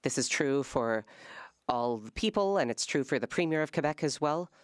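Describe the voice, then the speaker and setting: An interpreter giving a live, measured rendering of a parliamentary debate in halting phrases. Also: mid-range voice, expressive, clean tone, dry recording, clean studio sound.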